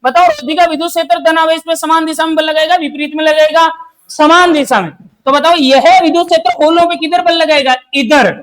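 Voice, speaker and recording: A man's voice: extremely high pitch, steady tone, brisk, a bit bright, low-quality recording. A man teaching a coaching class, repeating each question and answering it himself, with playful everyday analogies. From Rajasthan, India. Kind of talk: classroom lecture with call-and-response questions.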